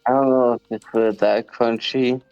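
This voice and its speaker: A man's voice: steady tone, moderate pace, clean tone, faint music behind. A man chatting casually on a call through a crunchy, bitcrushed phone mic. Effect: bitcrushed, crunchy low-quality phone mic. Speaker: friend joining a gaming call. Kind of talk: casual chat. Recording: dull lo-fi phone audio from a hotel.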